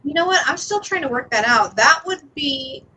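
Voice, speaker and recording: A woman hosts a live video-call panel, nodding along with short replies and steering the talk. Her voice is bright and slightly high. Faint noise sits behind her. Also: animated, moderate pace, rough recording. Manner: brief agreeable replies, wraps up the show. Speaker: host. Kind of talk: casual panel chat.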